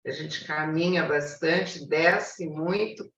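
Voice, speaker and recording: A woman's voice: deep voice, slow pace, a bit bright. A woman from Brazil on a video call, earnestly encouraging others to plan a visit. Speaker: study group participant. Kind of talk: casual online group discussion. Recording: distant, echoey, dull video call audio.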